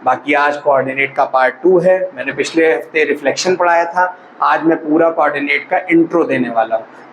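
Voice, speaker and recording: A man's voice: a little high, a little hiss or hum, rough recording. Man teaching maths, quizzing aloud. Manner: asks students questions and answers them himself; addresses students as brother and child. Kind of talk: classroom lesson explanation.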